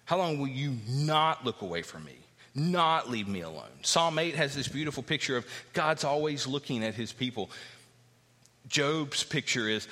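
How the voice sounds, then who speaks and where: A pastor preaches an expository sermon in a church hall, reading scripture passages and then unpacking them. His bright, forceful voice trails a long reverb, and it climbs in pitch whenever he drives a point home.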